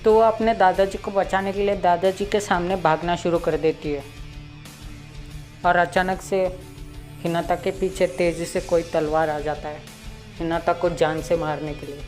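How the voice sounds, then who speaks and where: A teenage boy in his late teens hosts his YouTube channel, casually recapping a cartoon episode in a chatty way full of "matlab" fillers, his throat slightly sore. His voice is high and a little mellow, with a level tone and moderate pace. Faint music plays behind him.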